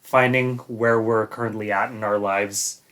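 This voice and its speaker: A man's voice: on the low side, fairly even intonation, a little slow, a bit bright. A man, a stage actor, talking casually in an interview, hesitantly searching for his words.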